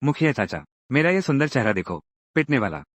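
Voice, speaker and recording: A man's voice: mid-range voice, big pitch swings, brisk, dry recording. A man narrating a drama recap and voicing every character's lines himself, acting each one out in turn.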